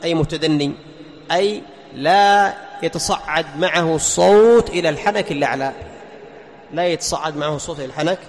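A man teaching Quran recitation rules, asking his class questions, answering them himself and slowly chanting verses as examples. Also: a little high. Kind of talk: tajweed lesson explaining letter articulation. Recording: long hall reverb, faint background noise.

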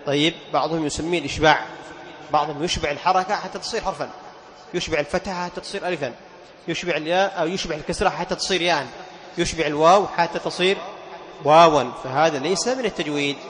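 A man with a high-pitched voice teaches the rules of Quran recitation to a class. He explains patiently, restates each point and throws rhetorical questions to his listeners. His voice rings out with a long reverb, as in a large hall. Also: fast talker, a bit bright. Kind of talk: classroom lesson on tajweed.

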